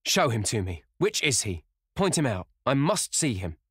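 A man's voice: deep voice, fairly even intonation, brisk, no room sound, studio quality, natural voice. Man voicing a sullen, blunt teenage lad. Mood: urgent, demanding. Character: sullen sixteen-year-old lad, jealous, protective, hot-tempered. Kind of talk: audiobook character voice.

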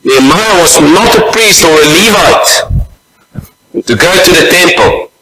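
Pastor, male, slow and deliberate delivery, bright ringing tone, echoey church room. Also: a little high, animated, a little hiss or hum. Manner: slow, deliberate preaching with scripture readings. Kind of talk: sermon.

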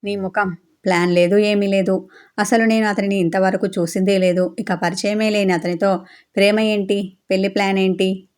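A woman's voice: mid-range voice, level tone, moderate pace, natural voice. Woman reading as a snappish young bride. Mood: hurt. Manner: snappish, scolding in a hushed voice. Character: young bride, irritated and hurt.

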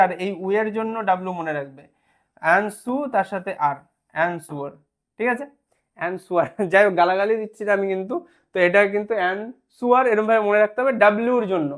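Patient teacher sounding out spellings. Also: medium pitch. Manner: patient, repeats checks like "okay?", sounds words out slowly. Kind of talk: online spelling lesson.

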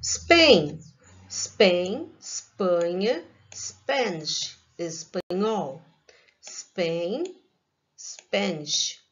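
A Brazilian woman teacher talks young kids through an English lesson, unhurried and deliberate, saying each word twice. Her voice comes through a laptop webcam with a dull, lo-fi sound. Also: fairly low pitch, lively intonation. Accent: Brazilian Portuguese. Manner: slow, careful, repeats each word for children. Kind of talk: recorded online class.

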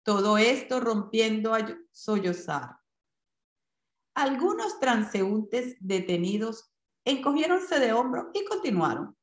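Woman narrator, measured storybook reading, higher pitch, echoey room. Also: sing-song. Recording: roomy echo.

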